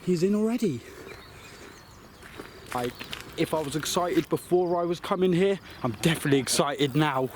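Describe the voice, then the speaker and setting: An excitable man talks casually to camera for his own fishing vlog, chatty and quick to laugh. His voice sits a bit high for a man. A faint hiss of outdoor noise runs under the recording. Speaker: fishing vlogger.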